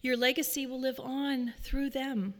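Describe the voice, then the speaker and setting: A woman giving a prepared personal talk, telling stories in a measured, earnest way. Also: high-pitched, little pitch movement, big-room sound. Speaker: speaker.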